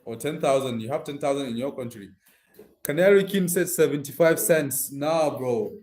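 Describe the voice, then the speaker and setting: A Nigerian man live-streams from an echoey indoor room, chatting casually to his viewers in slangy, informal speech with a Nigerian accent. His voice sits at medium pitch, moving at a moderate pace with a slightly mellow quality.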